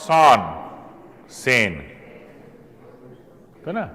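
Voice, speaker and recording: A man's voice: medium pitch, expressive, moderate pace, pushed and bright, big-room sound. A man with a Bengali accent giving a medical college lecture, quizzing students with rhetorical questions and joking asides. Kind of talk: classroom lecture mixing Bengali and English. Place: lecture hall.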